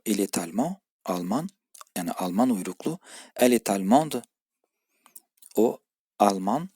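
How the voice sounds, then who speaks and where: Husky low-voiced teacher explaining patiently. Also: male voice, dry recording, studio quality. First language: Turkish. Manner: reads French examples louder and higher, explains slowly in a patient, repetitive way. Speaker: French teacher. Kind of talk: casual spoken lesson explaining grammar.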